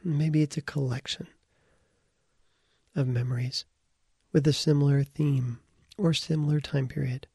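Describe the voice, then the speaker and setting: A man leading a slow guided visualization, calm and soft-spoken, sometimes slipping into a whisper. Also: a little high, creaky, husky, dry recording, studio quality. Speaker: guided meditation leader.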